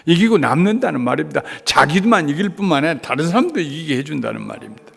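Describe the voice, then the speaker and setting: A man in his seventies preaching a revival sermon in a church, telling a story, shifting between hushed asides and rising emphatic appeals. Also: fairly high pitch, sing-song, fast talker, gravelly, breathy edge. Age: 70s. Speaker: guest revival preacher, pastor. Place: church sanctuary, evening service. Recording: long church reverb.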